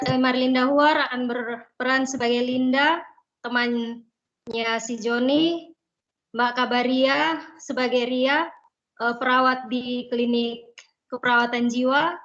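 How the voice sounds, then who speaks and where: Young woman student reading out a scripted intro, high voice, muffled lo-fi audio. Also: steady tone, slow pace, a bit bright. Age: young adult. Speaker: student presenter and narrator. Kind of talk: scripted narration. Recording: dull lo-fi sound.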